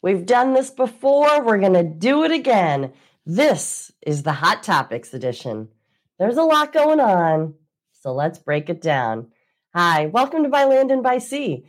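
A woman with a congested, stuffy-nosed voice, hosting a weekly news breakdown as an attorney in a conversational, emphatic way. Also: medium pitch. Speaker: host, maritime attorney.

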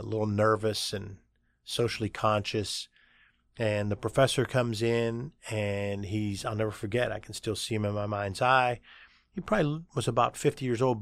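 A man's voice: fairly low pitch, dry recording, studio quality. A middle-aged man hosting a podcast, telling a story in a casual, conversational way, with fillers and asides. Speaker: podcast host and agency CEO.

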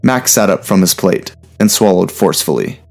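A man reads a story aloud with a very low, gravelly voice. His delivery is steady and measured. Faint music plays underneath. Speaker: narrator. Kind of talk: storybook narration.

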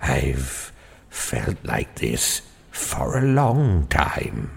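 A man voicing a feeble, dying, very old Father Christmas who talks slowly and wearily. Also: a bass voice, huge pitch swings, gravelly, slightly rough, pitched below the performer's own voice, heavily acted. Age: older. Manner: slow, weary, faint. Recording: long hall reverb.

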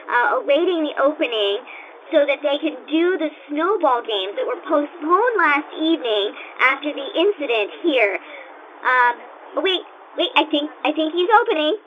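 A woman playing an eager field reporter who talks in hurried, stammering restarts and keeps pressing for answers. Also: high-pitched, dull audio, a little hiss or hum. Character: eager young female field reporter, pushy but polite.

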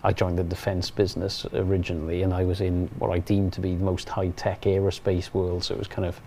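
A man's voice: low-pitched, level tone, a little fast, vocal fry, mellow, slight background noise. A middle-aged man in a casual conversation, speaking hesitantly with many restarts. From South Wales. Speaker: chief engineer and interviewer.

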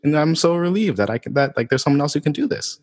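A man's voice: fairly high pitch, expressive, quick pace, big-room sound. A man in casual podcast conversation, telling a story animatedly, laughing and swearing casually.

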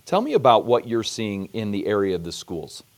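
Podcast host guy, low voice, chatty and thoughtful, asks his guest stuff. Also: big pitch swings, normal speed. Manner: conversational, reflective, asks questions. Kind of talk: podcast interview.

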